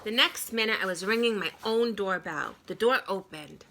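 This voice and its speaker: Reading a children's story like a teacher would, a woman speaks deliberately and expressively, pausing for dramatic effect. Her voice is mid-range, with slight background noise.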